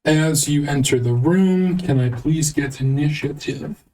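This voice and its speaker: A woman's voice: deep voice, measured pace, dark tone, far from the mic, rough recording. A woman running a tabletop game as game master, reading out scenes and refereeing the players.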